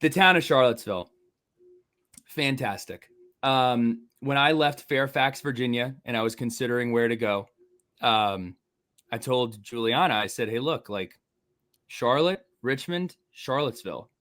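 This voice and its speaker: A man's voice: mid-range voice, normal speed, fairly bright tone. A man from New Jersey hosting a sports podcast, chatting casually with rambling, teasing rivalry jokes. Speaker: podcast host.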